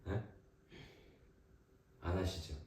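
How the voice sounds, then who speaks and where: A man's voice: extremely slow, a little mellow, a little hiss or hum. Man preaching a home sermon, questioning and emphatic; very echoey room, mic far off. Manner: asks questions, building to emphatic exhortation. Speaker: leader of family worship.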